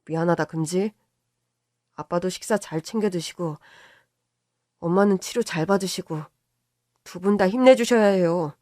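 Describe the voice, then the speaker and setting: A man's voice: sits high, moderate pace, long pauses, a little mellow, no echo, studio quality, natural voice. A voice actor playing a caring young adult son, a doctor, who talks insistently to his parents. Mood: worried.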